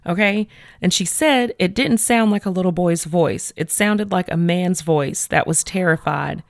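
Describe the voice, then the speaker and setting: A woman hosting a podcast, retelling a case in a chatty, animated way with many fillers. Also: lowish voice, a little slow, no echo, clean studio sound. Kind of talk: casual storytelling chat.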